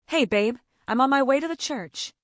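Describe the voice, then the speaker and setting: A woman voicing an excited young groom, bright and easygoing, in a story reading. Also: sits high, normal speed, no echo, clean studio sound. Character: excited young groom on his wedding day.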